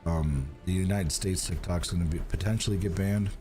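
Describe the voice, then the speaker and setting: Here the man sounds low-pitched and dark, speaking fairly quickly over faint background music. It's casual livestream chat while he plays a game, and with a cold on its way out, his talk wanders with fillers and restarts.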